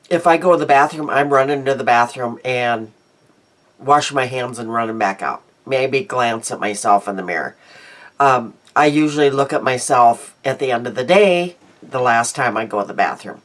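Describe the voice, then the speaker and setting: A beauty vlogger in her fifties rambles casually about her day and her makeup in a daily vlog, full of ums. Her voice is extremely low and a bit bright, and she sounds congested. She's recorded on a close webcam in a small room at home.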